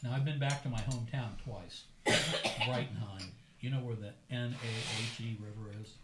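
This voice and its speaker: A man's voice: mid-range voice, moderate pace. An older American man hosting a dinner, chatting casually and telling stories. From United States. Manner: storytelling, relaxed and chatty. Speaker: host. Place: room at a dinner gathering. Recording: echoey room with faint background noise.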